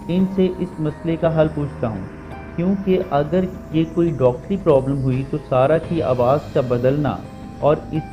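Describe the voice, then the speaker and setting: A man playing a calm, soothing father. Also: fairly high pitch, natural voice. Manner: soothing, reassuring. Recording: music bed under voice.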